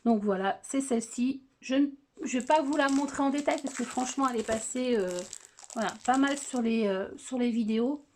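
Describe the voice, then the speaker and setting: A middle-aged woman with a slightly high, dark-toned voice chats casually at a moderate pace over faint background noise. She is a scrapbooking vlogger showing off her craft purchases on her video channel, speaking hesitantly with lots of filler sounds and restarts.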